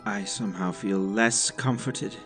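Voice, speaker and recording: Actor as weary, low-voiced Doctor Watson. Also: male voice, unhurried, music in the background, lightly acted. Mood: weary, reserved. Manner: formal, dry, courteous. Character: aging, weary Doctor John Watson, courteous former soldier. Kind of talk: audio drama acting.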